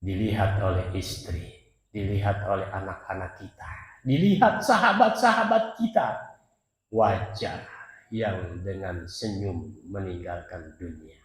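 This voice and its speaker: A man preaching a sermon at a mosque, swinging between loud calls and soft near-whispers and chanting Arabic verses, speaking directly to the congregation. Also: deep voice, lively intonation, a little slow, slight background noise. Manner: addresses the congregation directly as "Pak". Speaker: preacher at a dawn mosque study. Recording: echoey mosque hall with long reverb.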